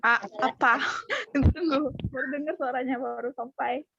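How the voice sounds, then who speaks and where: Woman, video-call audio glitching and breaking up, sped-up and warped, bright, dull lo-fi line. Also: sits high, measured pace, gravelly, slight background noise. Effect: choppy, glitching video-call audio that breaks up.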